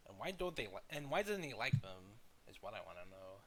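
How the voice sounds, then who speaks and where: A man's voice: on the low side, very animated, a little fast. A man giving casual reaction commentary in an incredulous, exasperated, argumentative way. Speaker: reaction show host.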